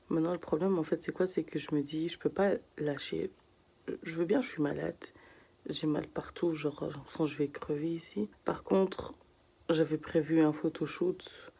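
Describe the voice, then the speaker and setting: Sick and in pain, a woman vlogs from her bed at home, speaking casually to her viewers and sometimes dropping to a tired whisper. Her voice is deep and warm with a breathy edge.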